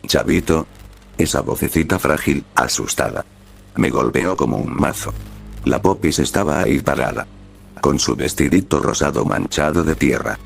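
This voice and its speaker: Brief: text-to-speech male horror narrator, deep and creaky, flat clipped delivery. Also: moderate pace, faint music behind.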